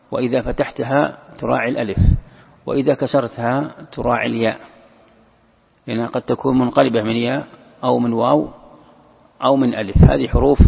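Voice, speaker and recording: A man teaching a Quran commentary lesson, explaining step by step, repeating key phrases and slowing down to recite verses. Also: mid-range voice, creaky, husky. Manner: explains step by step, repeats key phrases, asks and answers his own questions. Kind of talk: classroom commentary on a classical text. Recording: lo-fi recording in a long-reverb hall.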